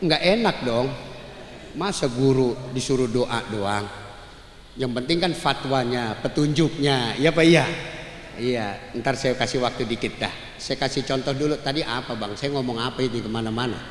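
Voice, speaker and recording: A man's voice: medium pitch, moderate pace, slight background noise. A man preaching a humorous Maulid sermon, joking and calling out to the audience for replies. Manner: chants the call to prayer to illustrate. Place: large hall at a religious gathering. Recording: echoey hall with long reverb.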